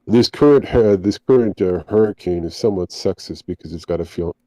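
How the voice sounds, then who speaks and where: A man talks on a casual podcast in a very deep, dark voice. He hesitates often, leaning on fillers, and his mic sounds dry and close. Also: fast talker, dry recording, low-quality recording. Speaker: podcast co-host.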